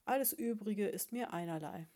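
A woman voicing a calm, friendly male chanterelle mushroom in a storybook, quick and matter-of-fact. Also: medium pitch, natural voice.

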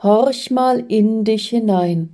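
A woman voicing a calm, patient female guide who gently instructs a doubting man. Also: a little high, slow. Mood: gentle.

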